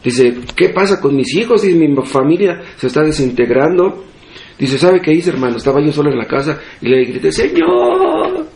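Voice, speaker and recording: In a church hall, a pastor with a Mexican Spanish accent preaches a sermon, posing rhetorical questions and repeating phrases for emphasis. His voice is on the high side with a darkish tone, brisk and reverberant.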